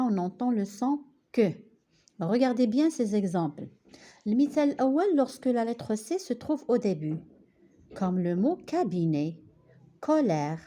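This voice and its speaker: A woman, a primary teacher giving a remote lesson, explaining slowly and patiently step by step. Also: medium pitch, warm tone. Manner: slow, patient, explains step by step, mixes in Arabic.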